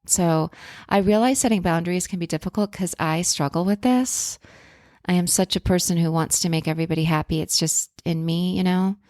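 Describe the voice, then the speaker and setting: A woman's voice: fairly low pitch, a little fast, a little mellow, no room sound. A woman hosting a podcast in a self-help influencer style, speaking casually and earnestly with spiritual encouragement and affirmations.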